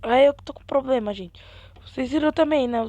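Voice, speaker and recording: A young woman chatting excitedly to viewers as she plays a game, sometimes dropping into a whisper. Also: sits high, a little fast, no echo, dull audio. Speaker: gaming channel host. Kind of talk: casual gameplay commentary.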